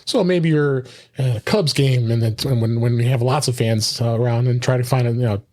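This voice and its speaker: A man's voice: mid-range voice, a little fast, a little mellow. A man hosts a casual tech podcast in a mid-range voice. He rambles, stacking ums and restarts as he thinks aloud. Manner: rambling, many fillers and restarts. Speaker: podcast host.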